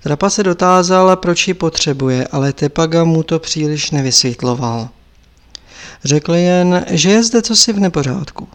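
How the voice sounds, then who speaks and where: A male audiobook narrator reads in a calm, measured way. His voice sits somewhat high for a man. The delivery stays steady and scripted throughout.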